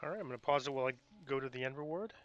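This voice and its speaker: A man's voice: medium pitch, rapid-fire, a bit bright, muffled recording. A man giving casual gameplay commentary, thinking aloud in a self-deprecating way. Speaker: gamer narrating own gameplay.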